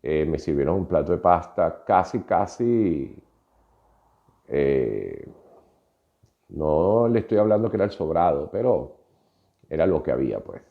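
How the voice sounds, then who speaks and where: A man's voice: sits low, expressive, measured pace, pauses often, narrow, tinny audio. A Venezuelan man in his fifties with a Venezuelan Spanish accent, telling a personal story in a reflective podcast monologue with frequent hesitations. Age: 50s. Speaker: podcast host.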